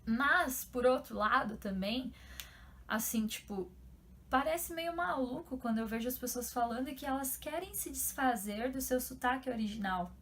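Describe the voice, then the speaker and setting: A young Brazilian woman talks straight to her viewers in a relaxed vlog, her voice sitting a little on the high side. She chats in loose, filler-filled sentences with a Brazilian Portuguese accent. A faint background hiss runs under the recording. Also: moderate pace. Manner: chatty, full of fillers like "tipo" and "sabe". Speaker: YouTuber. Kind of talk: casual vlog talk to camera.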